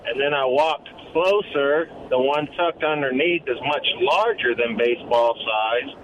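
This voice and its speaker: A man's voice: medium pitch, measured pace, fairly bright tone. A man calls in on a hands-free car speakerphone, his voice muffled and dull over the line. He talks in long, detailed, self-correcting stretches, with a faint hum of the car behind him. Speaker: caller. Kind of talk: call-in radio question. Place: driving in a car. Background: faint car noise.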